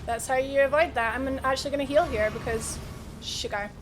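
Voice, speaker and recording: A woman's voice: high-pitched, fairly quick. A woman with an Edinburgh Scottish accent giving casual, informal live gameplay commentary, thinking aloud and chatting with viewers. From Edinburgh, Scotland. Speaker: video game streamer. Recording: music behind the voice. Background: music.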